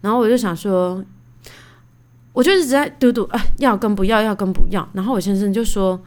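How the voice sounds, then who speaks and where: A woman in her thirties hosting a casual solo podcast, telling stories in a chatty, animated way with lots of fillers. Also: mid-range voice, brisk. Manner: chatty, animated, indignant retelling; many fillers like "you know". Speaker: podcast host.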